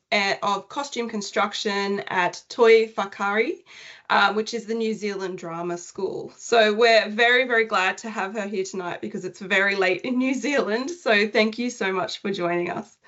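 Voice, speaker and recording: A woman's voice: medium pitch, fairly bright tone. Brief: woman panel host, friendly intros, lo-fi video-call sound. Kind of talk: moderating an online panel. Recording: dull lo-fi video call audio.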